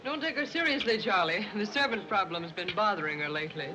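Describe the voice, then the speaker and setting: An actress playing a sarcastic, needling young socialite in a 1930s film. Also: female voice, mid-range voice, brisk, close to an everyday voice, rough recording. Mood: catty. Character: snide, spoiled young socialite sister. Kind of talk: 1930s screwball film acting. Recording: old 1930s film soundtrack, music behind.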